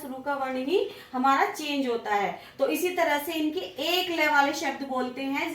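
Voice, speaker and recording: A woman's voice: high voice, a bit bright. A woman teacher giving a children's lesson, stretching out each syllable as she sounds out words. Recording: echoey room, voice from a distance.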